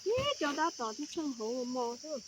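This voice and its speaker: A woman's voice: sits high, brisk, heavy background noise. A woman hosting her own channel, chatting casually and animatedly, often raising her voice, with faint crickets and insects behind her outdoors. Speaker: channel host. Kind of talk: casual chat.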